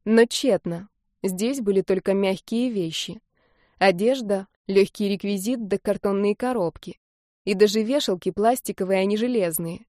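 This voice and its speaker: A woman narrating an audiobook in a measured, even storytelling manner on a close studio mic. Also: medium pitch, dry recording.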